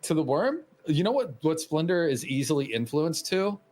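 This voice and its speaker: A man playing in a tabletop game, chatting casually about the characters in an animated, joking way. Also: on the high side, moderate pace. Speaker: player.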